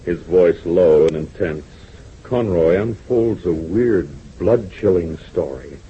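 A man's voice: sits low, expressive, slow pace, breathy edge. A man narrating and announcing an old radio serial, speaking earnestly to young listeners as gang, heard as an old radio broadcast. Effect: old radio broadcast sound. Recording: dull lo-fi 1940s radio recording.

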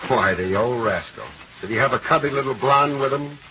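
An actor playing a wisecracking, unflappable private investigator with a dry, sardonic delivery in a 1940s radio detective drama. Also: male voice, mid-range voice, brisk, natural voice. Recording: muffled, noisy old radio recording.

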